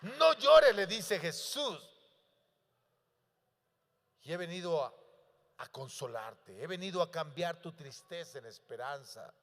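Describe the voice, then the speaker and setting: A man with a high, bright voice preaches a sermon in a church. He builds to loud, emphatic peaks and often asks the congregation questions. The sound carries a long reverb from the hall. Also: big pitch swings, slow pace, long pauses. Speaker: pastor.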